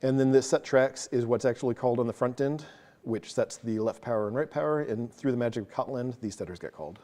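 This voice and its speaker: A man presenting a technical talk to a live audience, quick and casual, joking about himself. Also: mid-range voice, dark tone. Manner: fast, casual, self-deprecating. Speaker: meetup presenter. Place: meeting room with an audience.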